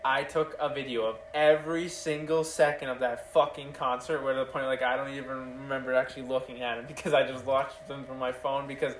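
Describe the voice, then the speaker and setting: A man's voice: mid-range voice, flat delivery, fairly quick, hardly any pauses, slight background noise. A young man hosting a podcast, telling a long, loose story with casual swearing and lots of filler. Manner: rambling storyteller, loose and profane. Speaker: podcast host. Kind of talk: casual chat. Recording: roomy, distant mic, faint ambience.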